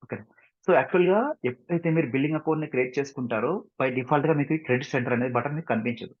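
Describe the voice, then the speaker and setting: In a muffled, dull lo-fi recording, an Indian-accented man teaches software at a fast clip. His mid-range voice is a bit husky, and he explains each step informally, drops in English phrases, and keeps checking comprehension with quick questions.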